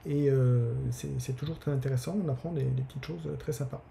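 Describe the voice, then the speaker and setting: A man's voice: medium pitch, fairly even intonation, a little fast, creaky, mellow, a little hiss or hum. A man hosting a live stream from his desk, talking casually with many hesitations and restarts. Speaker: newsletter author hosting a live giveaway stream.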